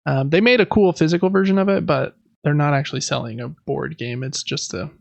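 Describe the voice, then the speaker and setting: This podcast co-host talks through gaming news casually, loosely reading through the items in a conversational way. His voice is a little high with vocal fry, and he speaks fairly quickly. There's no echo on the recording.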